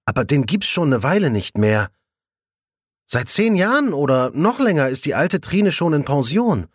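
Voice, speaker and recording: A man voices a chatty, giggly, cheerful female police colleague, pitching himself above his own voice into a high, sing-song register. He keeps a moderate pace, and the studio recording is clean with no echo.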